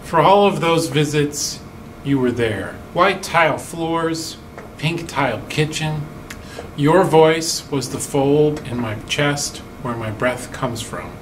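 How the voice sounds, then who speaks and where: A middle-aged man performing a dramatic elegy in a measured, poetic, sorrowful and wistful way, with deliberate pauses. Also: fairly high pitch. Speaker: monologue performer. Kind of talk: dramatic spoken elegy monologue. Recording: distant mic, faint room hum.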